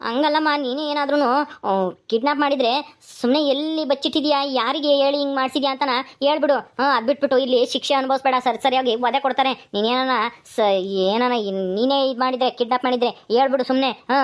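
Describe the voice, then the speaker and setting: A woman's voice: sits high, steady tone, close to an everyday voice. A woman voicing a worried grown son who pleads with his mother in a cartoon comedy. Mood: fretful. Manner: pleading, fast and fretful. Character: anxious grown son of the grandmother.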